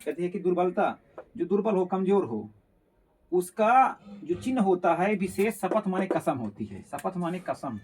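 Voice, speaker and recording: Male teacher, slightly high husky voice, patient line-by-line poetry explainer who restates every phrase. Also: sing-song, moderate pace, a little mellow. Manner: repeats and paraphrases each phrase.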